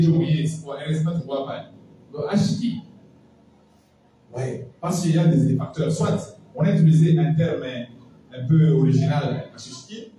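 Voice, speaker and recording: A man answering an audience question at a public launch event, talking in an animated, digressive way. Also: a little high, recorded from a distance, slight background noise. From Democratic Republic of the Congo. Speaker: English language speaker at a launch event. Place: event hall. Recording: very echoey hall, voice from afar.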